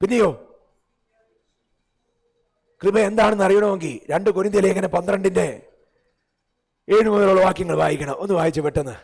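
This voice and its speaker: Malayali pastor guy preaching hard, high voice, rough gravelly edge, goes from big stretched shouts to quick low asides. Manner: fervent, swings between loud stretched-out cries and low quick asides; addresses the congregation directly with rhetorical questions. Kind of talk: sermon. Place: large church hall.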